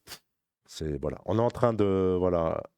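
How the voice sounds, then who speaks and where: A man talking rapidly and informally as a crypto trading analyst, walking the viewer through charts in a rambling, self-correcting way. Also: sits low, mellow, clear, resonant tone, no echo. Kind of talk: casual chart walkthrough addressing viewer as tu.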